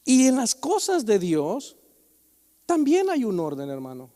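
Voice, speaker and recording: A man's voice: very high-pitched, wildly swooping pitch, a little slow, warm tone. A man preaching a Sunday sermon in a church, joking and conversational, often calling out "brother" to his listeners. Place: church sanctuary during a Sunday service. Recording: long reverb of a church hall.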